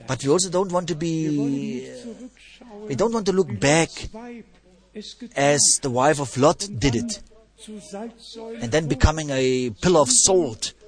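Slow, emphatic male preacher. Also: a little high. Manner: slow, emphatic, repeats phrases, stresses scripture. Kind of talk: sermon.

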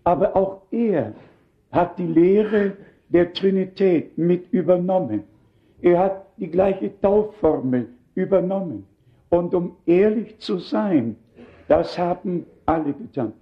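An older man delivers a sermon in a fairly high voice, taking his time over each phrase. He preaches with earnest emphasis and speaks straight to his listeners. The recording sounds dull and lo-fi. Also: lively intonation, takes it slowly.

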